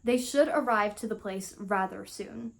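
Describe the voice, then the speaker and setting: A woman voicing a worried mother texting her daughter, speaking in a calm, reassuring way. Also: mid-range voice, unhurried, vocal fry.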